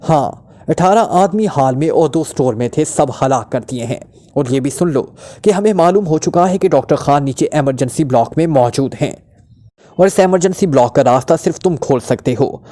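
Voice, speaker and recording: A man's voice: on the high side, lively intonation, moderate pace, warm tone, lightly acted. A man doing an icy, ruthless killer. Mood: icy menace. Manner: icy, menacing. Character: cold ruthless male killer King.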